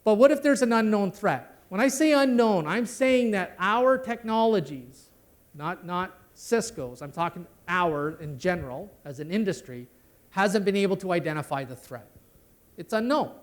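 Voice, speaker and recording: A man's voice: sits high, animated, normal speed. A middle-aged man giving a conversational conference talk on network security, ending many sentences with "right?". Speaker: conference speaker. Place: conference hall.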